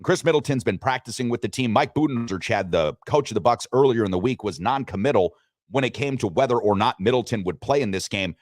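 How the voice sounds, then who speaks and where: A man hosting a sports talk show, talking betting lines with animated delivery and frequent restarts. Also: mid-range voice, quick pace, no room sound, clean studio sound. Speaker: sports radio host.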